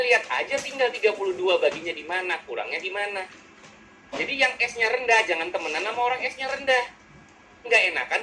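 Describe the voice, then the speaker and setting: A male psychologist giving a lively webinar lecture over a video call, joking and acting out personality types in quick quoted voices. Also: high-pitched, slight background noise, low-quality recording.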